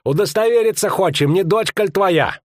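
A man's voice: high-pitched, moderate pace, no echo, studio quality, voice pushed up. A man voicing a fat, jeering mercenary with a gloating manner.

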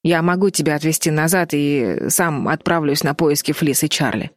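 Woman reading as an earnest, gentle boy. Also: low-pitched, moderate pace, dry recording, studio quality, close to an everyday voice.

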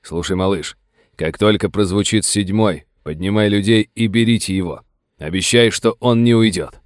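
A man's voice: fairly low pitch, moderate pace, no room sound, clean studio sound, natural voice. A man playing a tough middle-aged sheriff who gives curt, commanding orders in a gunfight. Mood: grim.

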